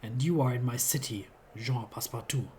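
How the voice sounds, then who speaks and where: A grim mechanical lion guardian from a story game speaks in a grating, lordly rumble, read aloud by a man. The voice is heavy and threatening. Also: fairly quick, a little mellow, close to an everyday voice. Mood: menacing. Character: giant gilded iron lion automaton, menacing guardian.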